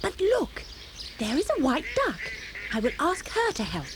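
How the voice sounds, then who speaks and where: A man's voice: extremely high pitch, wildly swooping pitch, moderate pace, noisy background, voice pushed up, exaggerated voice. A man voicing a brave, clever little girl on a storybook tape. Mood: hopeful. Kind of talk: storybook cassette narration.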